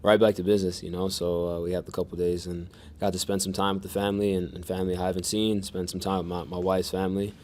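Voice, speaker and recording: Man, deep monotone, press conference answers, faint room hum behind. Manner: measured, many restarts and fillers. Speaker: soccer defender at press conference.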